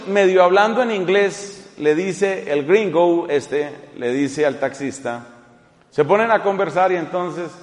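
Long reverb fills the hall as this priest delivers a funny, story-driven sermon. His voice runs on the high side, and he teases his listeners lively, imitating the voices of people in his anecdotes.

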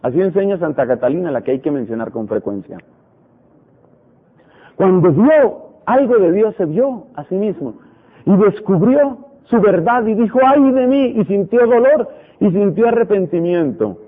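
Priest man preaching fervent sermon, high husky voice, tinny phone-like radio sound. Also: animated, moderate pace. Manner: fervent preaching with dramatic quoted prayers.

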